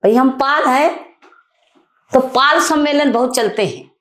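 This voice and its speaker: An older woman activist telling a story in an interview, animated and indignant, acting out the dialogue. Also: sits high, a little slow. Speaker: activist guest.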